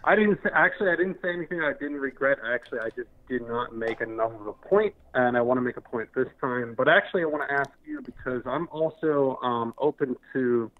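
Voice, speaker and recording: A man calling in to a talk show over the phone, halting and stammering with many restarts. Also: mid-range voice, animated. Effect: heard over the phone. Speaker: caller. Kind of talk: call-in radio talk. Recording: tinny phone line.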